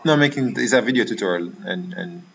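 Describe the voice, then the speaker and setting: Low-voiced joking young man in a noisy lab. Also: expressive, quick pace, vocal fry. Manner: joking, teasing. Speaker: student recording a tutorial. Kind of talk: casual classroom chat. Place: computer lab. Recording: dull lo-fi mic, loud room noise.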